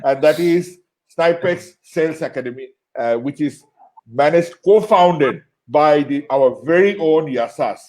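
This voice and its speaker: A man from Bangladesh hosts an interview and wraps it up, talking in halting stretches that are full of fillers and repeated words. His voice sits a little higher than most men's. He keeps thanking his guest over and over. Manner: warm thanks with many fillers and restarts. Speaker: host. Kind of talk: closing an online interview show.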